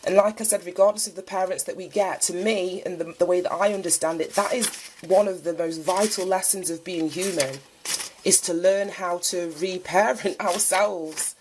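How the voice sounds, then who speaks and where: Still stuffy from a lingering cold, a woman gives a solo divination reading, partly from a guidebook, musing aloud in a chatty way with little laughs. Her fairly low voice stays fairly even at normal speed, against a noisy background.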